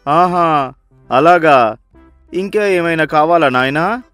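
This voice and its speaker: A man's voice: medium pitch, lively intonation, a little fast, fairly bright tone, soft background music, lightly acted. A man voicing a stingy, sarcastic rich miser who bosses his wife about in a storybook tale. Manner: sarcastic, scolding, impatient. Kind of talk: storybook voice acting.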